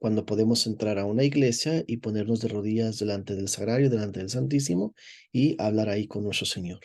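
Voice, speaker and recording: A priest teaching a course, reading a text aloud and commenting on it in a digressive, explanatory way, often checking in with "verdad?". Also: male voice, fairly low pitch, brisk, a little mellow. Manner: digressive, repeats words while searching for phrasing.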